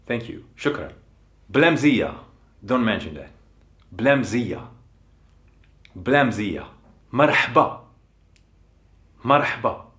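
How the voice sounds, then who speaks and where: Slow, low-voiced man teaching phrases. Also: a bit bright, roomy sound. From Algeria. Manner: slow, repeats each phrase several times. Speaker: language teacher. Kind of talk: casual spoken language lesson.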